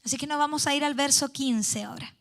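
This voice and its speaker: A woman's voice: high-pitched, quick pace, a bit bright. A woman preaching a youth sermon in church, reading scripture aloud and explaining it earnestly. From Chile.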